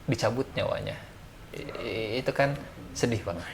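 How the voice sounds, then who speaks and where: With a crowd audible behind him, a gravelly-voiced ustadz speaks at a moderate pace in a lowish register. His relaxed religious talk is chatty, full of fillers and frequent laughter.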